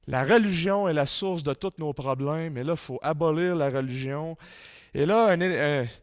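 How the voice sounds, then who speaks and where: A man with a Québécois French accent giving a sermon-style talk in a church, reading quotes with rising force and dropping low for emphasis. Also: moderate pace, no room sound, studio quality. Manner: reads quotes aloud with rising intensity, drops low for emphasis. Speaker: conference speaker.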